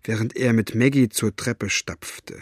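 A man's voice: on the low side, measured pace, husky, no echo, clean studio sound. A man reading a novel aloud as audiobook narrator, with dramatic storytelling. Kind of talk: scripted narration.

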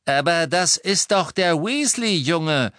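An eager, impatient aristocratic wizard, put on by a man with a raised, loud, urgent voice. The words come out pressing and excited, recorded dry and close. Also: fairly high pitch, unhurried, no echo, pitched above the performer's own voice.

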